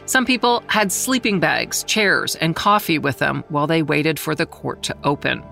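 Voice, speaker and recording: A middle-aged reporter tells a true-crime story in a measured, somber scripted narration. The voice has a gravelly edge and a bright, forward tone. A faint music bed sits under the voice. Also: medium pitch. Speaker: journalist who covered the trial, narrating.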